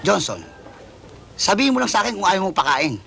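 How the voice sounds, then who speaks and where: A man's voice: high-pitched, sing-song, brisk, gravelly, fairly bright tone, a little hiss or hum, exaggerated voice. An actor playing a touchy, comic man in a sitcom who bickers. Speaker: sitcom character. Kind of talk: sitcom acting.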